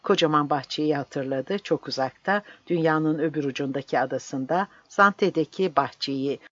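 A narrator reading a novel aloud in a measured, dramatic way. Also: mid-range voice, a bit bright, no echo. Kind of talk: audiobook narration. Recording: slightly dull dry recording.

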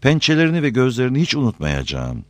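A man voicing Frodo, a weary gentle hobbit. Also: mid-range voice, wildly swooping pitch, fast, no room sound, pitched above the performer's own voice. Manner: tired, soft-spoken. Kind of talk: audiobook reading.

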